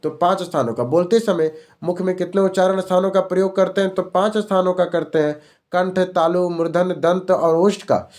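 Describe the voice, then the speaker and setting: High-voiced man drilling exam questions. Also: fairly even intonation, brisk, darkish tone. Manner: repeats each question and answer, drilling. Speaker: teacher. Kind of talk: exam-prep grammar lesson.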